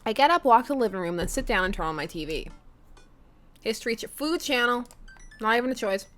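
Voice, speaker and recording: Fairly high-pitched, animated, and bright, a young woman speaks fairly quickly while streaming a dating game. It's a casual let's-play session where she reads the game text aloud, giggles often between lines, and chats with viewers, frequently asking them questions.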